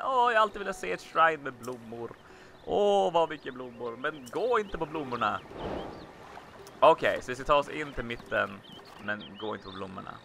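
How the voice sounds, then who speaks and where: A man casually commenting on his own gameplay, chatty and excitable, talking to himself as he plays. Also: a little high. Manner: chatty, excitable, talks to himself while playing. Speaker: let's play host. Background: video game music.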